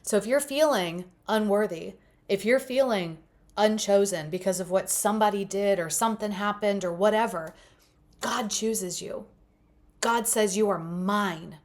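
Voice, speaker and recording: An earnest woman hosting a faith-based podcast, speaking straight to her listeners. Her voice sits at an ordinary middle pitch. She talks in loose, repetitive runs with plenty of casual fillers. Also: a little slow. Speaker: podcast host.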